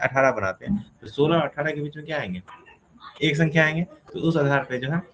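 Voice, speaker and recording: A man's voice: medium pitch, slight background noise, rough recording. Male teacher working through a problem. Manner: asks questions and answers them himself, counts step by step. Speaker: reasoning teacher. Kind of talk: explaining a classroom problem.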